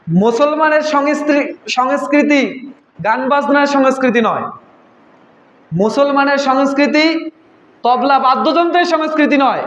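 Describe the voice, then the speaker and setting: A man preaching an impassioned, fiery sermon, shouting warnings to his listeners. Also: extremely high pitch, a little slow, pauses often. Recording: echoey, dull, slightly noisy sound.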